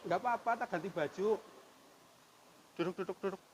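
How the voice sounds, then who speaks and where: Calm coaxing man. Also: high-pitched, normal speed. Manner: calm, coaxing, repeats soothing phrases. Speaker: volunteer caring for a homeless man. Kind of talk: filmed street outreach, talking to a man on camera. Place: roadside outdoors near a market. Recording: outdoor traffic and insect noise.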